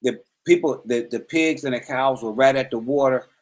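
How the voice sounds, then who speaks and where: A man's voice: mid-range voice, normal speed, poor audio. Earnest man explaining at length. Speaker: co-host. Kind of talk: casual chat.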